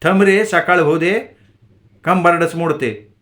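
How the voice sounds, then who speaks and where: Shrill scolding village wife, voiced by a man. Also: takes it slowly, a bit bright. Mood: shrieking angry.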